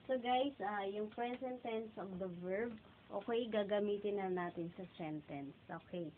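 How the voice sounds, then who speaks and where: A woman giving a casual online grammar lesson, asking "okay?" over and over and repeating verb forms slowly and clearly. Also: medium pitch. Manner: keeps asking "okay?" and saying "guys". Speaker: English teacher. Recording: tinny phone-like sound, faint noise.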